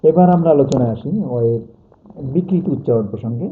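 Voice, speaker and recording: Man teaching slowly over tinny sound. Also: mid-range voice, a little hiss or hum. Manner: slow, repetitive dictation of example words. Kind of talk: pronunciation lesson.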